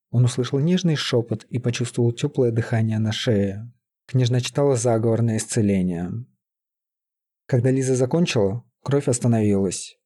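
A man narrating a fantasy audiobook in a steady, even reading voice. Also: mid-range voice, slightly rough.

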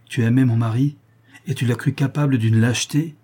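A man's voice: mid-range voice, steady tone, fairly quick, dark tone, slightly rough, natural voice. A man reading aloud and voicing a composed married woman who scolds firmly and reproachfully. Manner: firm, reproachful.

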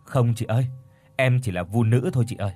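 Calm young shaman girl explaining stuff, man reading her, husky voice. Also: medium pitch, a little fast, lightly acted.

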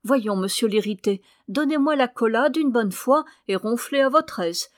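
Une femme qui prête sa voix à une jeune épouse coquette et piquée, au ton faussement angélique. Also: female voice, fairly high pitch, animated, normal speed, no room sound, studio quality, lightly acted. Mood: teasing. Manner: piqued, affected sweetness. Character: coquettish, prickly young wife at bedtime.

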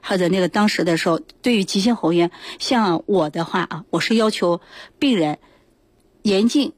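A woman doctor answers questions about sore throats on a radio show, her voice a little husky. She stops often on small fillers, and the studio sound is close and dry. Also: fairly low pitch, normal speed, no echo. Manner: hesitant, many fillers like "那个". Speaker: throat doctor, guest expert. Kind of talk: explaining in a radio interview. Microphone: studio microphone.

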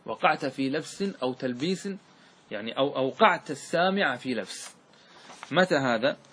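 A man teaching Arabic grammar in a classroom lecture. He keeps asking his students questions, repeats key words and draws out example words slowly. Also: mid-range voice, animated, a bit bright, breathy edge.

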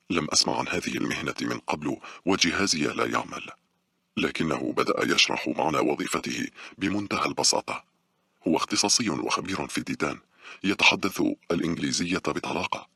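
A man narrating a horror audiobook in a steady, brisk storytelling manner. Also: extremely low pitch, gravelly, slightly rough, no room sound, clean studio sound.

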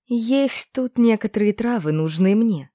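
A woman's voice: medium pitch, big pitch swings, normal speed, mellow, dry recording, studio quality, natural voice. A woman doing a sly, mocking young witch.

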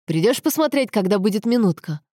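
A woman's voice: medium pitch, expressive, brisk, warm tone, dry recording, studio quality, pitched above the performer's own voice, lightly acted. A woman reading an audiobook, voicing a proud, cheerful older father. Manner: proud, beaming.

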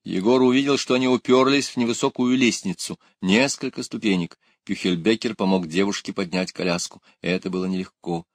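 Low voiced guy narrating an audiobook, dramatic, super dry sound. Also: fairly quick, few pauses, no room sound. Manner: dramatic, lifts his voice for shouted lines.

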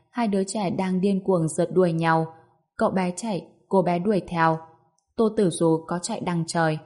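A woman narrating a serialized story in a measured, even reading. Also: lowish voice.

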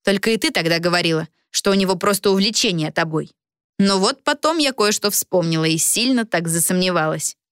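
A woman's voice: fairly low pitch, lively intonation, brisk, clear, resonant tone, no room sound, studio quality, lightly acted. Woman doing a cutting sarcastic roommate. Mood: scornful.

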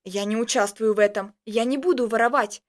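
A hotheaded young man in love, jealous and quick to flare up, voiced by a woman reading a story aloud. He talks in heated, insistent bursts, and the voice stays high. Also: close to an everyday voice. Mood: reluctant.

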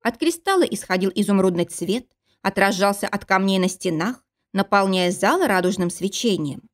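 A woman's voice: medium pitch, expressive, moderate pace. Woman narrating a fantasy romance audiobook. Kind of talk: scripted narration.

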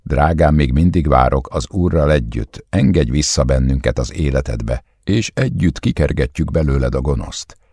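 Man playing a fervent husband: shouting, pleading, preachy, husky. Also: a bass voice, hardly any pauses, dry recording, studio quality, exaggerated voice.

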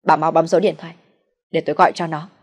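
A woman's voice: low voice, fairly even intonation, quick pace, husky. A woman reading the lines of a blunt, demanding elderly husband in an audio story. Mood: furious. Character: elderly husband, bewildered then furious.

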